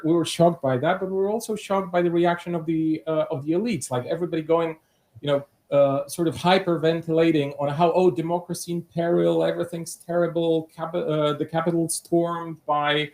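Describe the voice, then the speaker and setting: A man from Bulgaria with a Bulgarian accent, a podcast co-host asking a long, halting interview question with many fillers and restarts. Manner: animated, rising pitch when stirred.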